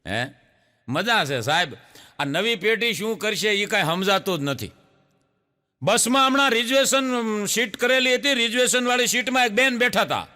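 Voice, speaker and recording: Male stand-up, high animated voice, acts out every quote, reverberant hall. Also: moderate pace. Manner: lively storytelling, acting out characters' quoted lines. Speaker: stand-up comedian. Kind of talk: Gujarati joke telling to an audience. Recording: long hall reverb, stage show.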